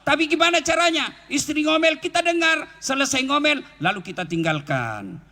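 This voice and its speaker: A man's voice: extremely high pitch, expressive, normal speed, pushed and bright. A man preaching a humorous sermon to a crowd outdoors, joking and breaking into song. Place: outdoor field gathering.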